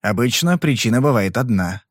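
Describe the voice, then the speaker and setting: A man voicing a calm, persistent male private detective in an audiobook, questioning in a blunt, probing way. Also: medium pitch, a little fast, dry recording, studio quality, natural voice.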